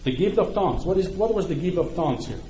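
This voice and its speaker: A middle-aged man from Poland, a native Ukrainian speaker with a Polish accent, gives a conversational sermon to a congregation and often checks in with his listeners. His voice is high-pitched, expressive and mellow, and he speaks at a quick pace. The room is echoey, with faint background noise.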